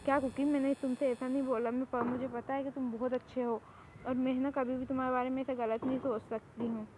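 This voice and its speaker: A woman's voice: high voice, level tone, fairly quick, a little mellow, a little hiss or hum, close to an everyday voice, poor audio. A woman voicing a pampered, playful young woman who pleads and whines in a spoken fan story. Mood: pleading. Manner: pleading, whiny.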